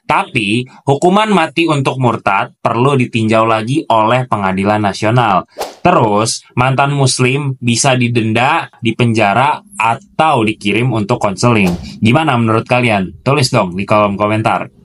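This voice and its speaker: A man's voice: mid-range voice, moderate pace, a bit bright, a little hiss or hum. A man narrating an explainer video in an informative way, asking viewers for their opinions. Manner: informative, asks viewers questions.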